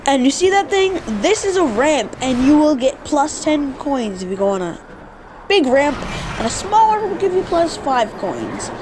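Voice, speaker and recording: A woman giving chatty, animated commentary over her own gameplay and often correcting herself mid-sentence. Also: high-pitched, normal speed, noisy background. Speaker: gaming video host. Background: game sound effects.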